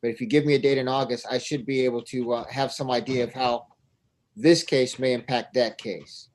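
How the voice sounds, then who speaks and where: A man's voice: medium pitch, steady tone, brisk, a little mellow. A man working as an attorney, arguing formally and deferentially before a judge in court. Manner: formal and deferential, repeating "Your Honor". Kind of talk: courtroom argument.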